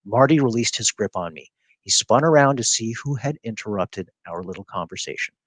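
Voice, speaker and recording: A man reading a children's story aloud, expressive and animated. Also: fairly low pitch, brisk, husky, no room sound. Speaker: reader.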